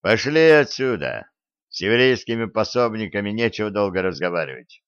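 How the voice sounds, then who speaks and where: A man's voice: lowish voice, big pitch swings, normal speed, fairly bright tone, dry recording, muffled recording. A man as a scornful young commando. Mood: mocking. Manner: scornful, provoking. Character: brash mocking young special-forces commander.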